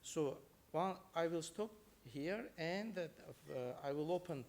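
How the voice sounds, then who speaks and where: A man with an Armenian accent giving an earnest, somewhat halting speech as a judge moderating a conference panel. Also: fairly high pitch, a little mellow. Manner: earnest, halting non-native phrasing.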